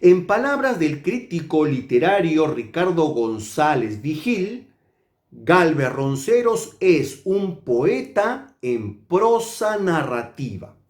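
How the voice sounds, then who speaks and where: A man from Peru, a literature teacher, reviewing a book in a slow, measured and deliberate way. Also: a little high, big pitch swings, roomy sound.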